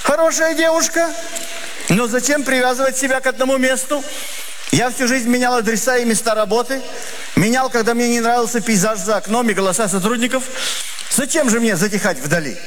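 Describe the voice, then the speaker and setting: A man delivering a comic monologue in a deadpan, wry, mock-confessional way. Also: high voice, a little hiss or hum. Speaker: comic performer.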